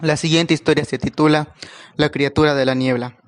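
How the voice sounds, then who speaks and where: A man telling a first-person horror story, in a calm, unhurried manner with occasional pauses. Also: fairly high pitch.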